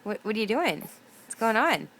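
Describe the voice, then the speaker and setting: A woman's voice: medium pitch, sing-song, normal speed. Sing-song young mother cooing at her baby. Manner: sing-song baby talk, gentle and teasing. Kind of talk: home video chat with a baby.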